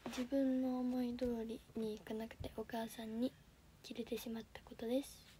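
Soft-spoken teen girl with Kansai accent. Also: on the high side, little pitch movement, moderate pace, background noise. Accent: Kansai Japanese. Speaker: audition livestreamer. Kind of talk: casual livestream chat reading viewer comments. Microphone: phone camera.

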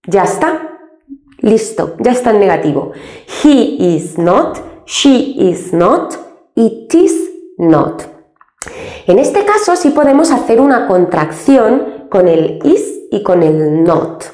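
A woman from Spain teaching English grammar step by step, slowly and patiently spelling out each example. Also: medium pitch, sing-song, warm tone, echoey room. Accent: Spain Spanish.

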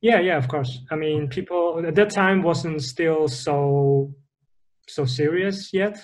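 A young Dutch man speaks slowly in a high-leaning voice as a guest in a casual interview over a video call. Sitting indoors in his bedroom, he talks hesitantly, searching for words.

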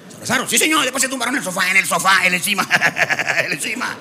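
A man's voice: high-pitched, fast, creaky, slight background noise, pitched above the performer's own voice, heavily acted. A man doing a stammering tattletale parrot. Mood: gossipy. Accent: Canarian Spanish. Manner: excited, stammering, repeats words. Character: gossiping male parrot telling tales.

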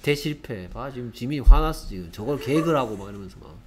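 A man teaching an English grammar lesson to students, lively and constantly checking in with rhetorical questions. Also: medium pitch, fast talker, crowd noise.

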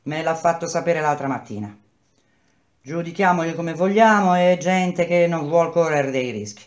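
A woman reading aloud and voicing a middle-aged male contractor who smoothly explains hard news to his workers. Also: low voice, moderate pace, lightly acted. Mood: persuasive. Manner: persuasive, explanatory, speaks to workers as a group.

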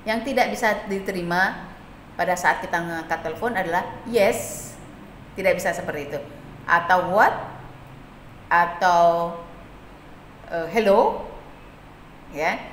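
A woman's voice: on the low side, steady tone, moderate pace, pauses often, fairly bright tone. Woman lecturing in an echoey room. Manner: explanatory, with frequent hesitation fillers; acts out sample phone greetings. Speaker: hospitality instructor. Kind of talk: classroom lecture. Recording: echoey room with faint noise.

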